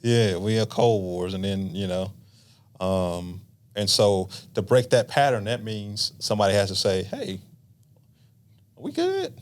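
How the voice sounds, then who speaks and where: Man, low voice, middle-aged, relaxed counselor, explains patterns, chatty podcast guest. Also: a little slow. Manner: relaxed, explanatory, acts out couples' lines. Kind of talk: casual podcast conversation.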